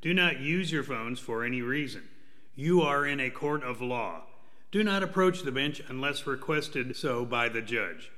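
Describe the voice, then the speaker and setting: A man's voice: mid-range voice, lively intonation, measured pace, pushed and bright, long reverb tail. A man reading stern, instructive courtroom announcements. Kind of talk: scripted announcements.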